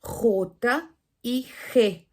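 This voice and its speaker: A woman teaching Spanish pronunciation in Portuguese, lively, asking viewers questions and demonstrating sounds aloud. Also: a little high, drawn-out words. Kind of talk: online language lesson.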